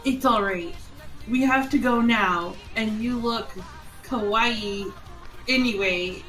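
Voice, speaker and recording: A woman reading the lines of a gushing gothic teenage boy in a comedic read-aloud, flat and matter-of-fact. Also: a little high, takes it slowly, faint music behind, rough recording.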